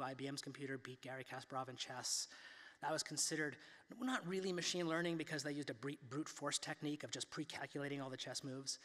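A man's voice: mid-range voice, fairly bright tone, big-room sound. A man in his fifties giving a conversational keynote talk at a lectern, with many fillers and restarts. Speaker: keynote speaker. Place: large auditorium, standing at a lectern. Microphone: lectern microphone.

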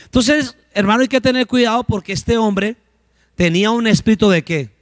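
A man's voice: high voice, moderate pace, no room sound, studio quality. A man, preaching a sermon as pastor, asking the congregation questions and acting out short dialogues.

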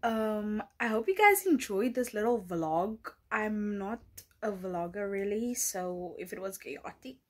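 A woman's voice: medium pitch, lively intonation, measured pace, poor audio. A young woman, chatting casually and slangily in a travel vlog, sometimes dropping to a whisper. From South Africa. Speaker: vlogger. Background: background music.

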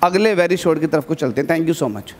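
A man's voice: a little high, animated, normal speed, a little mellow, in a large hall. A male physics teacher giving an exam-prep lesson to students, urging them on and repeating key points as he asks and answers his own questions.

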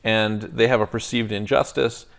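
Gravelly man reasoning step by step. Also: on the low side, steady tone, normal speed. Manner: thoughtful, restarts often, argues in steps. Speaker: podcast co-host. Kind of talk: casual debate chat. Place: studio lounge set with armchairs.

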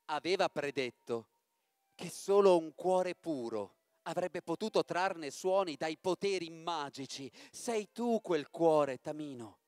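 A gentle young princess from a storybook, as a man reads her. The voice is soft and tender, with lively rises and falls. The sound is dry and close. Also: a little high, slow pace, no echo.

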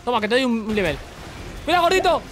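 A man giving excited gameplay commentary as channel host, shouting and swearing often. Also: very high-pitched, fast, slight background noise.

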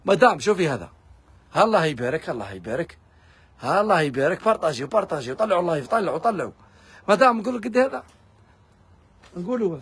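A man with an Algerian accent, pitching fabric discounts in a pushy live sales video. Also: sing-song, slightly rough, no echo. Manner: rapid, pushy hawking to viewers. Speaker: fabric shop seller.

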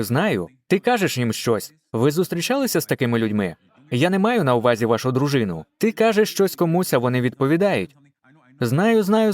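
A male pastor voice teaching scripture, with a lively, rising-and-falling delivery. He often puts questions to his listeners. The sound is dry and close, with no room echo. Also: on the high side. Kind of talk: Ukrainian voice-over of a Bible teaching.

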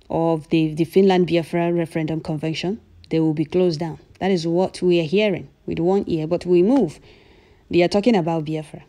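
A woman's voice: lowish voice, warm tone. A Nigerian woman giving emphatic, repetitive news commentary as an activist over event footage.

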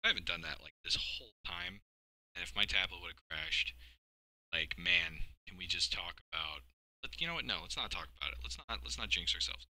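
A man's voice: sits low, moderate pace, bright, forceful tone, no room sound, low-quality recording. A tired man chatting casually while teaching digital painting on a live stream, rambling and self-mocking with casual swearing.

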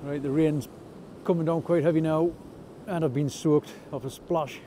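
This casual fishing vlog comes from a North East England man on night-time rocks in wind and rain, his narration chatty, self-deprecating and low-key in its humour. His pitch is fairly high and his tone dark, with fairly even intonation at a moderate pace. His outdoor camera picks up faint wind noise.

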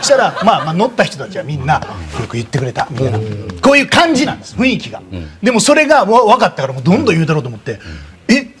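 A man's voice: sits high, rapid-fire, a crowd in the background. A man with a Kansai accent telling a comic story, acting out the people in it. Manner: animated, acts out quoted voices. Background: studio audience laughter.

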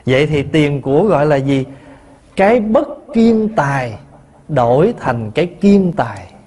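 A man's voice: fairly high pitch, very animated, a little slow, darkish tone. A man, a Buddhist monk giving a dharma talk, telling stories and asking his listeners rhetorical questions. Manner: conversational storytelling with rhetorical questions.

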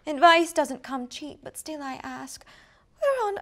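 A woman's voice: high voice, big pitch swings, a little slow, sharp tone, pitched above the performer's own voice, heavily acted. A woman voicing a weary, gloomy old female cat who complains about her lot. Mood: sulky. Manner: sulky and complaining.

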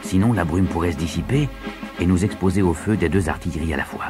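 A man voicing a steady male frontier scout in an audio storybook, talking urgently and practically. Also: low-pitched, fast talker, natural voice. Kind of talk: audiobook character voice. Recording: loud music underneath.

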